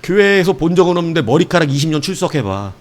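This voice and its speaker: A middle-aged male pastor preaching a sermon in a playful, animated way, acting out prayers and quotes. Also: on the high side, fast talker.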